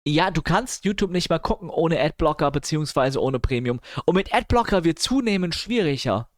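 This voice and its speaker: Speaking at normal speed with an expressive, slightly high voice, this man streams live and chats about news and viewers. Gamer slang in English and grumbly side comments pepper his talk, captured dry in studio quality.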